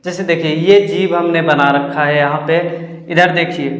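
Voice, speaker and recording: A man's voice: a little high, steady tone, normal speed, fairly bright tone. A man teaching a Hindi grammar lesson for exam preparation, explaining step by step and sounding out vowels as examples. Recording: echoey room with long reverb.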